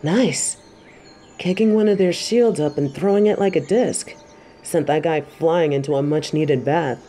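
A woman's voice: sits low, a little slow, warm tone, a little hiss or hum. A woman voicing a stern, confident tiger kung fu master in an audio roleplay, with a wry, commanding, matter-of-fact manner. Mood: teasing, approving. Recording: clear ambient sound effects behind voice.

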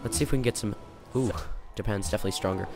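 Excitable young man commentating a game. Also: fairly low pitch, racing. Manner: excitable, jokey, thinks aloud. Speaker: gaming channel host. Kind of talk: let's play commentary. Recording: game music playing behind.

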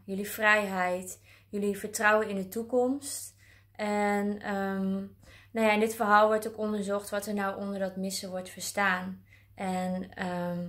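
A woman working as a spiritual caregiver, speaking gently and hesitantly with many fillers as she introduces and reads a children's story. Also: mid-range voice. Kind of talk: vlog intro and reading a children's story aloud.

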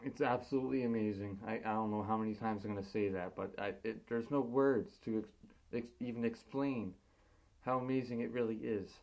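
A man's voice: fairly low pitch, fairly even intonation, fairly quick, gravelly, a little mellow. A young man in a casual vlog, muffled through a costume head, talking earnestly with stumbling restarts. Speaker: vlogger.

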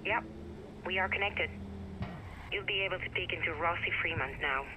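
Young game hacker, low female voice, wry, casual, phone call, noisy background. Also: moderate pace. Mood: wry, subdued. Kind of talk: video game voice acting.

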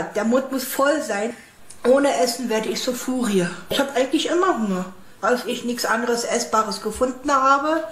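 A woman describing herself casually to camera in a matter-of-fact, deadpan way. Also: fairly high pitch. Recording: echoey clip, faint background noise.

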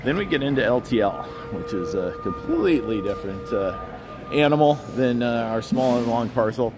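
A man narrating a casual walking tour of a large warehouse, explaining things in a relaxed way with many fillers and restarts. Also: medium pitch, moderate pace, music in the background. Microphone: handheld phone camera while walking. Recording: phone recording with clear background hum.

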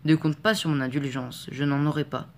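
A man's voice: a little high, fairly even intonation, brisk, slight background noise, close to an everyday voice. A stern, cold falconer, read by a man in a storybook audiobook. He speaks in a harsh, menacing way, slightly raised and pressed, always sure he holds the upper hand. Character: stern cold middle-aged male falconer. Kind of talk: audiobook character reading.

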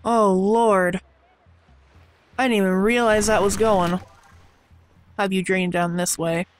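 A young American man with a slight Southern twang, playing a game in an early-morning let's play, excitable and swearing under his breath. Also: sits high, slow pace, a little hiss or hum. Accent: American, sometimes Southern. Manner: excitable, swears and mutters to himself. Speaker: gaming YouTuber.

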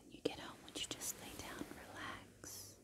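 A woman in her thirties giving a soothing, reassuring whispered ASMR pep talk, lying down close to the mic in a small room. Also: normal speed. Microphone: close to the camera, within arm's reach.

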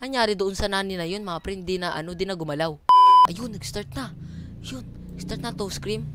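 A woman's voice: medium pitch, moderate pace, heavy background noise. A woman with a Filipino accent giving casual commentary on a horror game, jumpy and screaming at the scares. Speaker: gaming streamer.

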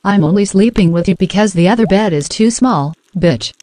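A woman's voice: medium pitch, brisk, warm tone, no room sound. A young woman giving casual gameplay commentary, playful and swearing freely as she talks to the game's characters. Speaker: gamer.

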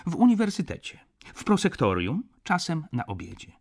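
Man voicing a smug mannered student, sugary, mocking, lively pitch, husky. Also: moderate pace, heavily acted. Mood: smug politeness. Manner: sweetly polite, mocking. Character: smug, mannered young male student lodger. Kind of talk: audiobook character voice.

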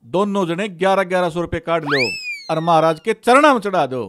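A man's voice: sits high, a little fast, very noisy, lightly acted. A man playing a pompous, scolding, money-grabbing Haryanvi holy man's sidekick in a comedy skit. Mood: bossy, pompous. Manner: bossy, pompous. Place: outdoors under a village tree.

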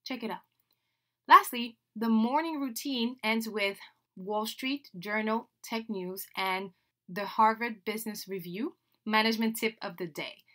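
A Senegalese woman whose first language is French introduces her solo podcast in a chatty, upbeat way, laughing between phrases. Her voice is a little high, bright, and forceful, at a measured pace.

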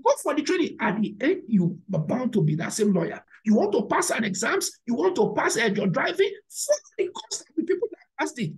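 A woman pastor delivers a sermon in a fairly high, lively voice that rises and falls widely. She exhorts and encourages the congregation, repeating words for emphasis and turning to them with direct questions. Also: low-quality recording.

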